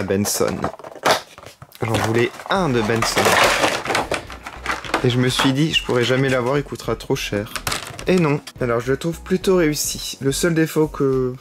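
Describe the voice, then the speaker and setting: A man's voice: medium pitch, noisy background. A man with a French accent chatting enthusiastically while unboxing collectible figurines, with lots of fillers. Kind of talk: casual unboxing vlog.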